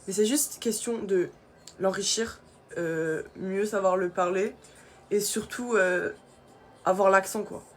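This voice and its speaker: A woman's voice: mid-range voice, slow pace. A young woman from France chatting casually through her skincare routine, with many fillers. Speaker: beauty vlogger.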